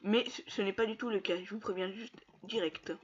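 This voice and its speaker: Hyped gamer dude narrating his match, trash-talks the other players, kinda lo-fi mic. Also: fairly quick. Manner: excitable, taunts opponents, bursts into high yells. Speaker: gamer streaming gameplay. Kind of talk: casual gaming commentary.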